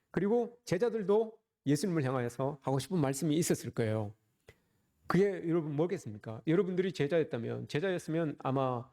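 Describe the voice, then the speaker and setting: A man's voice: medium pitch, a little mellow. A man preaching a sermon as pastor, joking and asking the congregation rhetorical questions.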